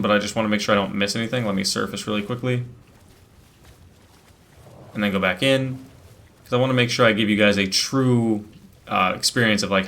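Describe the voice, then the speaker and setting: A man's voice: lowish voice, creaky, a bit bright. A man hosting a gameplay video, chatting and explaining as he plays, with frequent fillers and restarts. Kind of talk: casual gameplay commentary.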